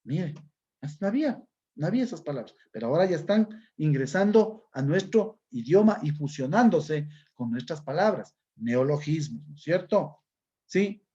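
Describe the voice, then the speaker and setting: Ecuadorian teacher, dark muffled voice. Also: male voice, on the high side, lively intonation, moderate pace. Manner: explanatory, often adds "¿no es cierto?". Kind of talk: recorded class lesson.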